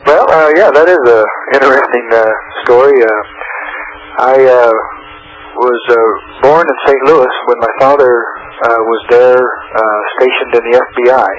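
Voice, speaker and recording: A sheriff from Arizona, heard over a payphone collect-call line, telling his story in a halting way full of pauses. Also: medium pitch. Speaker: sheriff calling in as a radio guest. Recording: dull phone line with faint hiss.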